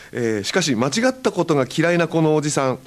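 A man's voice: on the high side, big pitch swings, moderate pace. A man hosting a radio show in a casual chat, reading listener letters with frequent chuckles and fillers. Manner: chuckling, filler-heavy, trailing off softly. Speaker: radio host.

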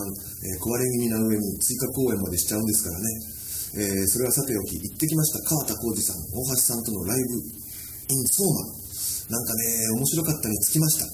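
A radio host, a man, reads listener letters aloud, his pitch lively and full of movement. He breaks in with playful asides as he goes. The room rings around him, with clear noise underneath. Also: roomy sound. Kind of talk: reading listener mail on air.

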